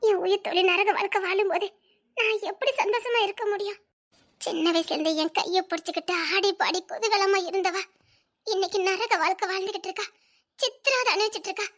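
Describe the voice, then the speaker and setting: A woman's voice: extremely high pitch, fairly even intonation, brisk, a bit bright. A young woman acting a scared student who insistently refuses a man's advances, tearful at times, in a web drama. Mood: earnest. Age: young adult.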